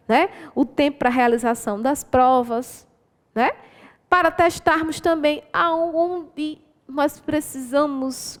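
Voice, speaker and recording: A woman's voice: high voice, big-room sound. A Brazilian woman teacher going through exam answers, explaining patiently and encouraging her students, often checking in with tag questions.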